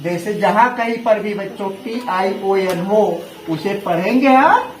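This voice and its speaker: A man teaching English uses a high, expressive voice at a measured pace, drilling his students by asking one question over and over. The lesson was captured in an echoey room with a bit of background noise.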